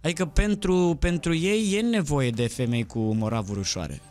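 A man in his thirties, a radio host and comedian, giving relaxed advice in a casual studio chat. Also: on the high side, faint music behind. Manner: relaxed, advising, trails off mid-sentence. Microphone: studio microphone on arm.

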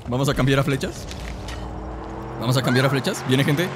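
A man's voice: medium pitch, brisk, very noisy. A man with a Mexican accent giving chatty gameplay commentary, talking through a tired throat with a lozenge in his mouth. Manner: chatty, talks to his companion and the audience, bursts into excited shouts. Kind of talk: casual let's-play commentary.

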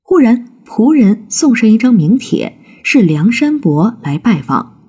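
A woman narrates a folk storybook slowly and expressively. Her pitch moves in a lively way, and her tone is mellow and husky.

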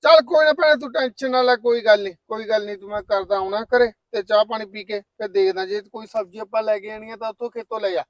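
An easygoing farmer brother with a Punjabi accent, calm and reassuring toward his sister. His voice sits fairly high, recorded dry and close, as a man plays him. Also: quick pace, hardly any pauses, no room sound, lightly acted. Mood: soothing. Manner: soothing, easygoing.

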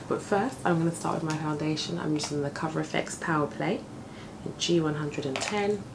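This woman in her thirties is a beauty vlogger whose morning voice sits deeper than normal, with audible vocal fry. Relaxed and chatty, she talks through a casual makeup tutorial as she applies it, close to a desk camera in her home flat. The window is open, letting in plane and street noise.

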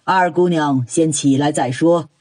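A man voicing a stern, grave emperor who speaks with measured authority. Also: a little high, darkish tone, no echo, lightly acted.

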